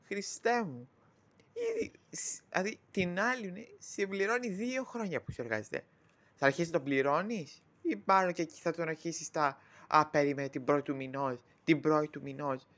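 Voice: mid-range voice, animated, fairly bright tone, natural voice. A performer voicing an indignant young woman who scolds her stingy father in a Greek shadow-puppet play.

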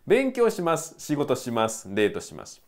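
A man teaching a language lesson, his pitch rising and falling a lot as he talks. He keeps checking in with the listener and chuckles often. His voice sits at a middle pitch. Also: huge pitch swings, brisk, darkish tone. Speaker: Japanese teacher. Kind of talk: lively classroom explanation.

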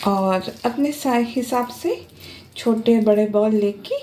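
Woman calmly explaining a home recipe. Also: fairly high pitch, slow pace. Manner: calm step-by-step explaining. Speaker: cooking channel host. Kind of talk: home cooking tutorial voice-over. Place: home kitchen.

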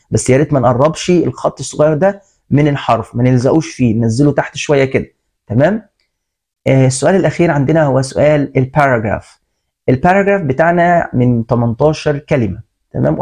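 A man's voice: medium pitch, a little mellow. A man with an Egyptian Arabic accent teaching an English exam review, explaining step by step, translating each word, and asking his class questions. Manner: asks the class questions and answers them.

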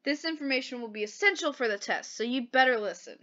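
A woman's voice: sits high, expressive, fast talker, pushed and bright, highs cut off. A woman reading as a stern male math teacher. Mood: scolding. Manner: stern, lecturing.

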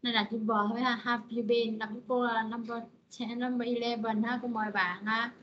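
A woman leads an online English pronunciation lesson. She repeats each phrase several times and calls students up by name. Her voice sits a little high, and the call audio sounds slightly muffled. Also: little pitch movement, fairly quick, a little hiss or hum. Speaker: English teacher.

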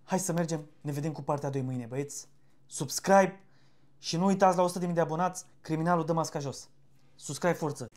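A man's voice: on the high side, a little mellow. A man hosting an interview, talking in a boastful, lecturing motivational way. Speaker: host.

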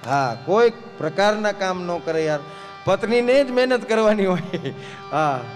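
Man, high voice, chatty folk storyteller, reverberant live stage, faint instruments behind. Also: lively intonation, measured pace, soft background music. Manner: chatty anecdotal storytelling, mixes speech with folk song.

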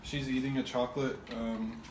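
A young man vlogging a casual tour of his shared house, hesitant and full of ums, with a dry deadpan humor, filmed on a handheld phone. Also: mid-range voice, normal speed. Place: indoor shared house, tiled rooms. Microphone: handheld phone camera. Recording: echoey room with household noise.

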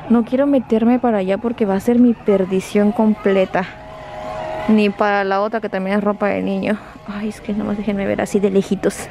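With a handheld camera in a large indoor store, a young vlogger shops and talks casually to both her viewers and her kids. Her voice sits at a medium pitch, creaky and dark in tone, against a noisy store background.

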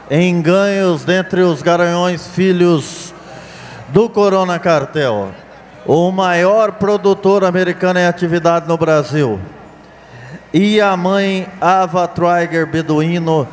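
A Brazilian man presenting lots as an auction commentator, formally listing achievements. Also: high voice. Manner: formal, list-like delivery of achievements. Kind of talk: sales presentation, announcer commentary. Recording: long hall reverb.

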